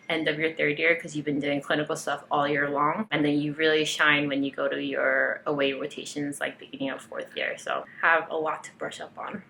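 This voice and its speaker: A young woman talks casually to camera from her home, chatty and loose, with frequent "like" fillers. Her voice sits a bit low but sounds bright and tense. A faint hiss runs underneath. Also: rough recording. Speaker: new resident doctor vlogging. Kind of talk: casual vlog talk to camera. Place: at home, indoors.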